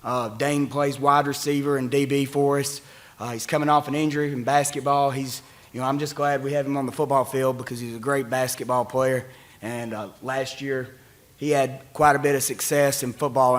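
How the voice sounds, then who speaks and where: A man, a football offensive coordinator, giving plainspoken press conference remarks with many pauses. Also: mid-range voice, a bit bright.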